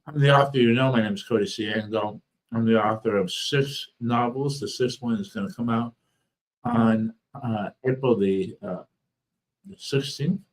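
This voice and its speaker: Man, slightly low voice, thick swollen-tongue speech, fatigued, casual livestream host. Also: rough recording. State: fatigued, weakened by illness. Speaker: author hosting a livestream.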